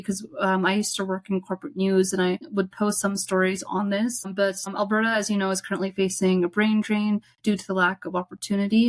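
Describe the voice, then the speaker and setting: Woman interviewer, mid-pitch voice, long rambly questions, dry close sound. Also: no room sound. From Calgary, Canada. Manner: long winding questions with fillers. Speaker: interviewer, docuseries host.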